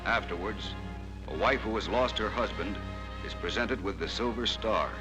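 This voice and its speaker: A man's voice: on the low side, normal speed, rough recording. A man giving declamatory, solemn and emphatic narration in the style of a 1940s wartime newsreel. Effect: old newsreel narration. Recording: narration over a loud music score.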